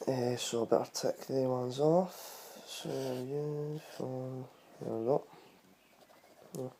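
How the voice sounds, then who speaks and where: A man's voice: mid-range voice, drawn-out words, vocal fry, warm tone, a little hiss or hum. A man with a Scottish accent explaining words in a casual home tutorial, rambling and hesitant with many ums and restarts. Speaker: vlogger teaching words.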